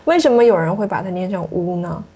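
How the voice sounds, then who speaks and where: Husky-voiced woman teaching pronunciation. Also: on the low side, lively intonation, quick pace. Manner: repeats herself, ends phrases with soft particles. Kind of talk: explaining a pronunciation lesson. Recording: muffled lo-fi recording.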